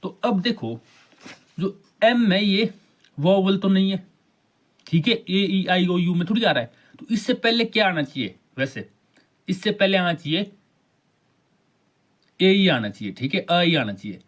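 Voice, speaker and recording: Teacher asking himself questions, slightly high-voiced. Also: male voice, expressive. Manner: slows right down to read English sentences aloud; keeps asking questions and answering them himself. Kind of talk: explaining an exam paper.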